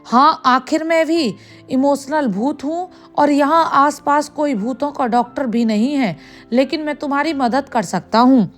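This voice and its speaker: A woman's voice: sits high, a little slow, soft background music. A woman voicing a lazy, fussy male ghost who lives in a tree, grumbling and then kindly and boastful. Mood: soothing.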